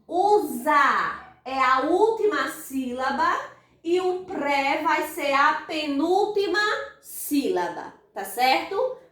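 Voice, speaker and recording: A Brazilian woman teaches a children's grammar lesson, her voice high and her pace unhurried. She stretches the stressed syllables out in sing-song calls. She sounds distant from the mic in a strongly echoing room. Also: expressive, fairly bright tone. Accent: Brazilian Portuguese. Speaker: primary school teacher. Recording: echoey room, voice far from the mic.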